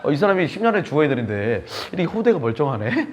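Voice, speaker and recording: Animated male preacher telling a story. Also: fairly high pitch, racing, muffled recording. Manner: animated storytelling, acting out quoted voices. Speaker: pastor. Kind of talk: sermon testimony.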